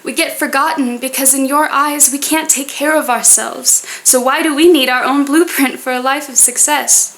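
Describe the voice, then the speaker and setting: A woman performing spoken word poetry in an earnest manner, with deliberate, poetic phrasing. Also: high voice, steady tone, fairly bright tone.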